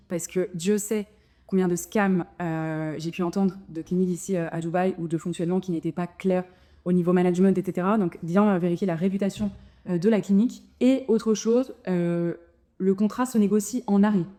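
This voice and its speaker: Speaking a little fast in a steady, warm, lowish voice, a French-native dentist in her thirties shares her expat experience with the camera. Her casual talk is peppered with fillers and restarts.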